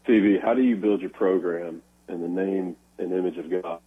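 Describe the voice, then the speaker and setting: A low, husky male voice comes through over the phone, thin and tinny as a bad cell connection cuts in and out. He talks slowly and haltingly, doubling back on words as he makes his point to the host. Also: steady tone. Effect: over the phone, breaking up on a bad cell line. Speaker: radio show caller. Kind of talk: sports talk radio call-in.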